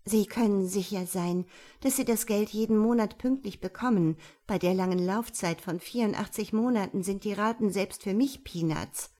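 A woman's voice: medium pitch, normal speed, lightly acted. A desperate, angry woman at the bank, as a female reader voices her. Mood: insistent. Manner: tense, insistent and sharp. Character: desperate, angry middle-aged woman borrower.

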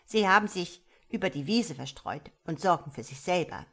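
A woman voicing a fussy old mother frog who scolds loudly and croaks "quack" between words. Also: lowish voice, expressive, moderate pace. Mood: proud.

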